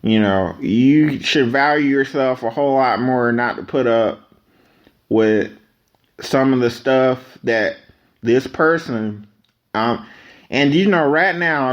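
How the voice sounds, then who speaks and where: A man's voice: medium pitch, measured pace. A man talking casually and unscripted as a solo podcast host, with rambling conversational asides. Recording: slightly dull, lo-fi microphone audio.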